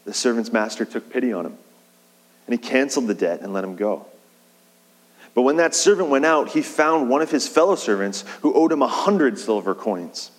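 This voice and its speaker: A man preaching a sermon in a relaxed, conversational way, shifting his pace and leaning on key words. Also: medium pitch, moderate pace. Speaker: pastor. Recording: long reverb of a large hall.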